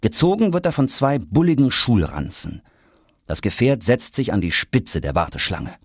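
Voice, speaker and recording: A man narrating a children's audiobook in a lively, expressive way. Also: medium pitch, normal speed, husky, dry recording, clean studio sound.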